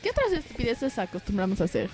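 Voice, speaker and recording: Animated hoarse Mexican woman vlogging. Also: fast talker, over music. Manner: animated, acts out others in squealing high voices. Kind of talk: casual comedic monologue.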